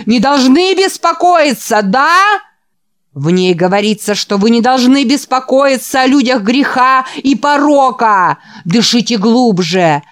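A woman reading an audiobook voices a frenzied male evangelist preacher, raised and loud, driving a call-and-response sermon. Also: a little high, voice pushed up. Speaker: preacher at a youth revival.

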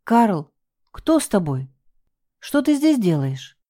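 A woman's voice: mid-range voice, sing-song, takes it slowly, mellow, no room sound, clean studio sound, pitched above the performer's own voice. A woman voicing a timid, panicking middle-aged husband who stammers and whines. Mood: anxious. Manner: stammering, whining.

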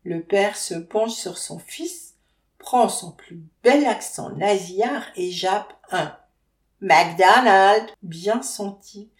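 A woman's voice: mid-range voice, darkish tone. Wry woman reading an audiobook. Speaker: audiobook narrator. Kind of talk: scripted audiobook narration. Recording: roomy echo.

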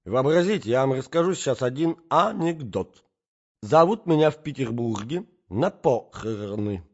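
A man's voice: mid-range voice, animated, moderate pace, a little mellow, voice pushed up, natural voice. A man voicing a befuddled elderly prince who agrees vaguely and loses his thread, in a dull lo-fi recording. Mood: muddled.

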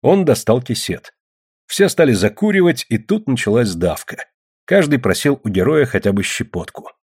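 A man with a husky, mid-range voice narrates an audiobook at normal speed, telling the story expressively.

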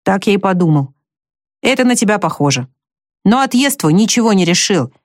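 A woman's voice: mid-range voice, very animated, a little fast, dry recording, studio quality, lightly acted. A woman reading aloud voices a hot-tempered, lovesick young man, earnest and choked.

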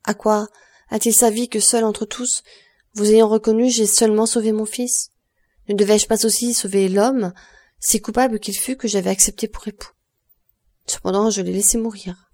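A woman, lightly acting, reads the role of a grieving woman of thirty-nine broken by guilt, whose lines are sorrowful and self-accusing pleas. She uses a medium pitch, fairly even intonation, normal speed and a dark tone.

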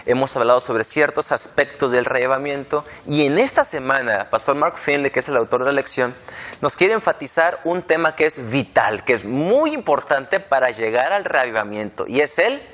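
A young adult man hosting a relaxed panel discussion, earnest and measured, repeating points for emphasis. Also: medium pitch. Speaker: host.

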